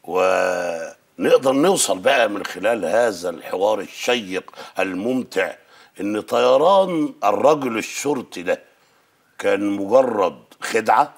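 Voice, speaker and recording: A sarcastic TV interviewer with an Egyptian accent, speaking in a low, gravelly, husky voice. He is mock-formal and probing. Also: expressive, measured pace, heavily acted. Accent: Egyptian Arabic. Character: ironic TV interviewer, mock-polite. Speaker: actor. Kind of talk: TV comedy series acting.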